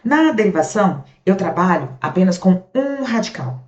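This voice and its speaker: In a roomy, dull-sounding lo-fi recording, a woman teaches a grammar lesson with a Brazilian Portuguese accent. Her medium-pitched, darkish voice is animated and moves at normal speed as she answers her own questions and makes casual check-ins with the class.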